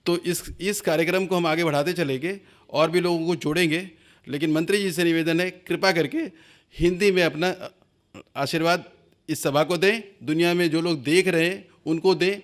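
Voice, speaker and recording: A man with a somewhat high voice hosts an online seminar. He talks formally and earnestly, pleading with his listeners and stopping often to hesitate mid-sentence. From India. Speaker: webinar host.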